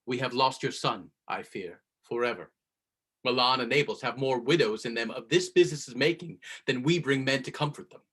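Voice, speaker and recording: A man's voice: medium pitch, moderate pace, fairly bright tone, slightly rough. A man playing a blunt, mocking nobleman in a Shakespearean drama, with a dry, cutting delivery. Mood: accusing. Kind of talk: Shakespearean stage drama performance.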